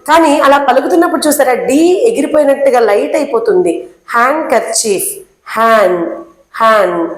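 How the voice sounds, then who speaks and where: Female teacher, fairly high voice, patient drilling of words, roomy echo. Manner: explains slowly, repeating each word several times. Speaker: English teacher. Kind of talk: pronunciation lesson.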